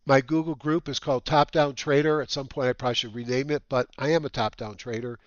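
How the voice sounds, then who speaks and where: A man with a whistling nose hosting a market update as a trading educator, talking casually and haltingly with rambling asides. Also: medium pitch, fairly even intonation, dry recording. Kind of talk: casual semi-scripted market commentary. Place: dry room at home. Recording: slightly dull, lo-fi dry recording.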